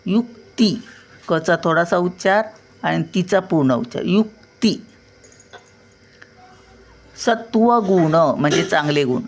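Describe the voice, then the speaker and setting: An older woman teaching pronunciation word by word, stretching out syllables and repeating each word patiently. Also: low voice. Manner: drawn-out syllables, patient repetition. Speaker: Marathi language teacher. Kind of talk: slow word-by-word pronunciation lesson.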